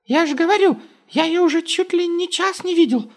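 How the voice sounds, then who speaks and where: A man's voice: extremely high pitch, normal speed, gravelly, pitched above the performer's own voice. A male reader voicing a simple-minded, childlike giant who speaks plainly and whines a little, in an audiobook.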